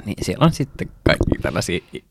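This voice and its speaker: A man's voice: sits low, wildly swooping pitch, background noise. A young man co-hosting a casual podcast chat, swearing freely and acting out stories with quoted dialogue. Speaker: podcast co-host.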